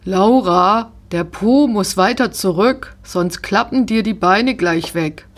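A woman voicing a friendly, firm male riding instructor in a storybook, calmly giving commands. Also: medium pitch, slow. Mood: instructing.

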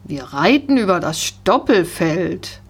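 A woman voicing a friendly, firm male riding instructor in a storybook, calmly giving commands. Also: lowish voice, slow pace, breathy edge, full character voice. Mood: instructing.

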